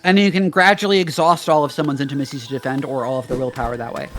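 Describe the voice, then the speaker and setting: A man's voice: medium pitch, fairly even intonation, racing. Man eagerly explaining game rules. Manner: enthusiastic, explains rules at length. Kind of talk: casual chat.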